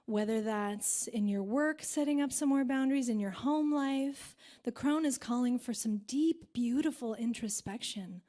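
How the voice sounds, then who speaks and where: A woman singer leading a spiritual gathering, talking softly and meditatively between songs. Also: on the high side. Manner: soft, slow, meditative. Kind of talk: spiritual talk between songs at a live concert.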